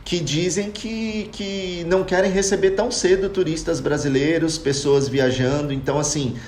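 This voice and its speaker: His voice is fairly high and a little mellow, with fairly even intonation and normal speed: a young Brazilian living abroad, chatting casually on a podcast. Earnest and reflective, he calls listeners "cara," and the recording sounds echoey with faint noise.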